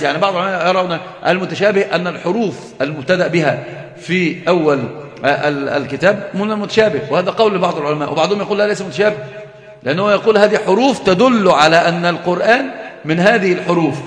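A man giving a religious lecture on a classical text, emphatic and quick, often asking the audience rhetorical questions. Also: sits high, fairly bright tone. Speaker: Islamic scholar teaching a text. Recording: echoey hall.

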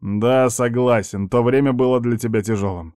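A man reading an audiobook, voicing a sly middle-aged uncle who talks in a slow, drawn-out, mocking way. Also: medium pitch, fairly even intonation, darkish tone, clean tone, no echo, studio quality, close to an everyday voice. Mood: pleading. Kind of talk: audiobook character voice.

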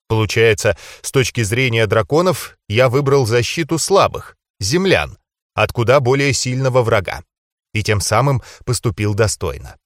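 Dry, measured male audiobook narrator. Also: medium pitch, no echo. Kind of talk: first-person fantasy audiobook narration.

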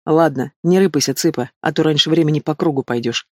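Жестокий главарь банды средних лет, с ухмылкой и угрозой, в исполнении мужчины, аудиокнига. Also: male voice, on the high side, fast, no room sound, clean studio sound, natural voice. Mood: menacing. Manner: sneering, menacing. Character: cruel middle-aged male crime boss, sneering.

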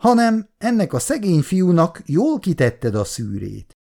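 Reader putting on a middle-aged dad, genial, chatty, lively mellow voice, storybook. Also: male voice, sits high, creaky, pitched above the performer's own voice, exaggerated voice.

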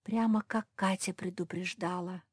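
A woman doing a drawling calm pug. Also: fairly low pitch, moderate pace, slightly rough, no room sound, studio quality. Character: calm female pug recalling a warning.

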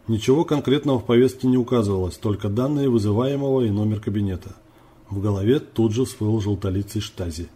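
A man narrating a story aloud, voicing the dialogue with raised pitch. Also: warm tone, husky. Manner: reads dialogue with lifted pitch for characters. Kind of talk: audiobook reading of a story.

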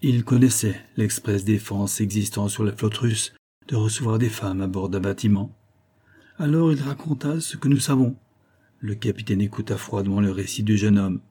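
Male audiobook narrator, dark husky voice, steady storytelling read. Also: lowish voice, moderate pace. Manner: even, storytelling.

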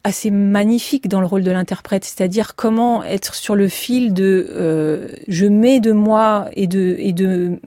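Thoughtful woman with a mellow voice. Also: mid-range voice, fairly even intonation, measured pace, few pauses, no room sound, clean studio sound. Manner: thoughtful, searching for words, many restarts. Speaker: classical musician guest. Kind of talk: radio interview.

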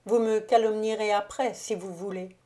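A woman's voice: mid-range voice, fairly even intonation, normal speed, mellow, close to an everyday voice. Woman reading a sardonic scornful count. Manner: bitter, scornful. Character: proud sardonic male count, cold and mocking. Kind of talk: audiobook character reading.

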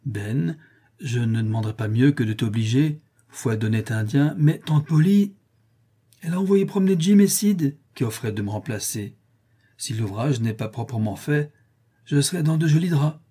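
A man's voice: mid-range voice, animated, moderate pace, warm tone, breathy edge. A man voicing a cunning boy who talks in a coaxing, mock-casual way in an audiobook reading. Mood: sly. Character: cunning boy, sly and nonchalant.

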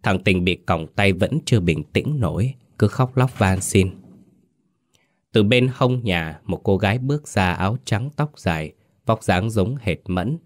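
A man narrating a horror story in a steady, dramatic way. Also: fairly low pitch, measured pace.

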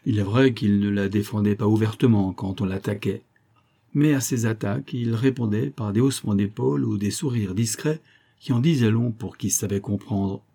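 A man narrating a classic novel in a measured, even storytelling manner. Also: on the low side, slightly rough. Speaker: audiobook narrator.

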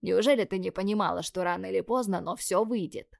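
A woman's voice: mid-range voice, quick pace, gravelly, no room sound, studio quality, lightly acted. Woman reading as a teasing grey-bearded old doctor. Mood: chiding. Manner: gently scolding, chuckling.

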